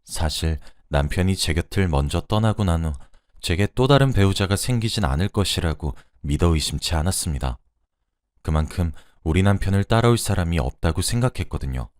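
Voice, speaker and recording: Deep-voiced man narrating a radio drama. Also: expressive, a little fast, a little mellow, no room sound, studio quality.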